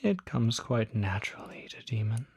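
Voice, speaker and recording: In an ASMR roleplay, a performer voices a calm, courteous demon doctor, whispering softly with a measured, reassuring, formal bedside manner. The mid-range voice is breathy and whispery and heavily acted, recorded dry with clean studio sound.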